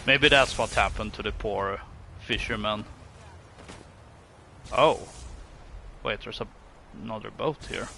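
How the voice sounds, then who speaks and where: A man's voice: on the low side, slow pace, gravelly, pauses often, pushed and bright, slight background noise. A man giving casual let's play commentary, musing and thinking aloud in a hesitant way. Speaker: gaming video host. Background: game music.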